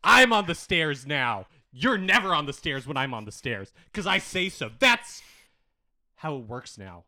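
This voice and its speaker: A man playing a petty, bragging male head of the family in an improvised comedy audio drama, spiteful and prone to loud outbursts. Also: fairly high pitch, big pitch swings, measured pace, no echo, exaggerated voice. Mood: gloating.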